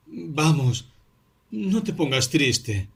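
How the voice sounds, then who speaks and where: A man voicing a dazed, feverish young clerk who speaks slowly, vaguely and mysteriously. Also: medium pitch, sing-song, sharp tone, breathy edge, pitched above the performer's own voice, exaggerated voice.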